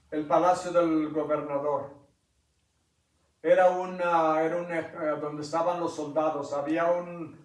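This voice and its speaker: A man preaching an impassioned sermon, quizzing the congregation and building to loud climaxes. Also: fairly high pitch. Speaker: pastor. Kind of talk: sermon with Bible reading. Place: church sanctuary. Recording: echoey church, mic at a distance.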